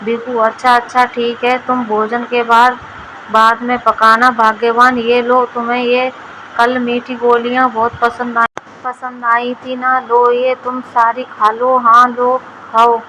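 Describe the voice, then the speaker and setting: A simple-minded village husband from a storybook tale, as a woman narrator plays him. The voice stays a little high for a man and very level in pitch. There is a faint hum of background noise. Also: completely flat delivery, a little slow, bright, forceful tone, low-quality recording. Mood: coaxing.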